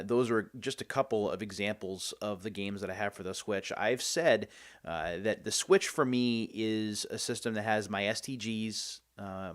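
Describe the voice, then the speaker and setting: A man hosting a game unboxing video series chats casually as he opens items, thinking aloud as he goes. His voice is lowish with a fairly bright tone.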